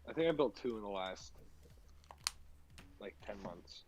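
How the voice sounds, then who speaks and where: A man's voice: lowish voice, lively intonation, measured pace, very noisy. A man chatting casually while building a model kit, swearing freely and rambling. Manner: loose, profane, rambling. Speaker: guest builder on a stream. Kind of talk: casual chat.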